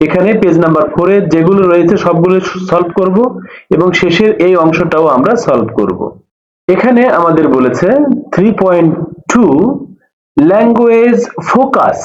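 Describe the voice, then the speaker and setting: Man, English teacher, slow spelled-out phrases, repeats each point, lively pitch. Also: highs cut off. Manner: reads English phrases slowly, then explains in Bengali. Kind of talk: explaining a textbook lesson.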